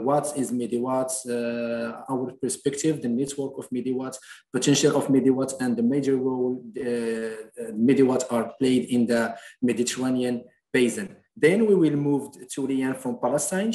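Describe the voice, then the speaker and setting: Moroccan man, mid-pitched, moderating a video-call panel with stop-start phrasing in a roomy, echoing space. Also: fairly even intonation, mellow. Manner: halting, many restarts and fillers.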